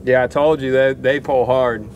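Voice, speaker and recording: Chill charter captain explaining fish, boat and water noise behind him. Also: male voice, medium pitch, little pitch movement, normal speed, a little mellow. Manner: laid-back, explains fish behavior. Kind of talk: casual chat while fishing. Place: outdoors on a fishing boat.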